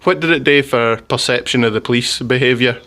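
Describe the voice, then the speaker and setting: A man's voice: medium pitch, fairly quick, sharp tone. Scottish guy from ayrshire, mid voice, casual rambly vlog chat, keeps restarting. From Scotland. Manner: rambling, with frequent restarts and chuckles. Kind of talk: casual storytelling monologue.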